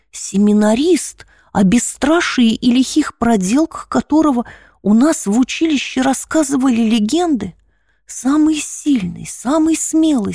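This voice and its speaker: A woman reading a first-person story aloud in a measured, expressive way. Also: on the high side, vocal fry, slightly rough, no room sound, studio quality.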